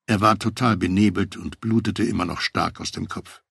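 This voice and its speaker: A man narrating a memoir audiobook in a steady, matter-of-fact first-person voice on a close mic. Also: low-pitched, normal speed, vocal fry, breathy edge, dry recording.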